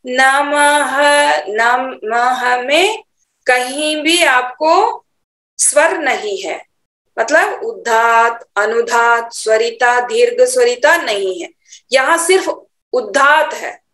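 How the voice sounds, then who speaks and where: A woman teaching Sanskrit pronunciation for Vedic chanting, slowly demonstrating each syllable. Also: high voice, expressive, fairly bright tone, reverberant, slight background noise. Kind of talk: online pronunciation lesson.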